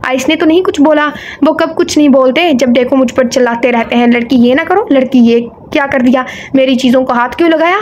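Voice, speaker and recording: Brief: woman voicing an innocent young wife, earnest and plaintive, high voice. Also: muffled recording, slight background noise, close to an everyday voice.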